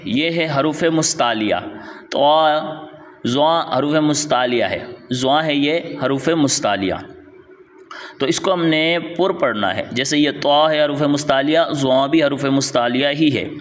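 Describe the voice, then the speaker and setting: A man teaching Quran letter reading, drawing out each syllable in a slow chant, then explaining quickly and repeating sounds patiently. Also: fairly high pitch, animated, long reverb tail, slight background noise. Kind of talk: step-by-step recitation lesson.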